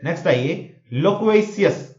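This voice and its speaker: An exam coaching teacher with a high-pitched, animated, darkish voice teaches vocabulary a little slowly in a blend of Hindi and English. He uses mnemonics, repeats words, and keeps asking students "theek hai na?" The audio is echoey, dull and lo-fi.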